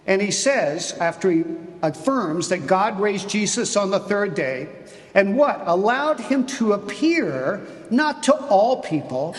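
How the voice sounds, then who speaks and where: Bishop preaching in a cathedral: a man with a high voice, slow and emphatic, long reverb. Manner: deliberate, emphatic preaching with dramatic pauses. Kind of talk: sermon.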